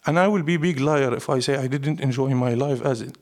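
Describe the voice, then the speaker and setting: A Syrian poet with a Syrian Arabic accent, whose mother tongue is Arabic, tells reflective stories during a live interview. His voice is mid-range, brisk and a little mellow, and he speaks in short, declarative, emphatic bursts.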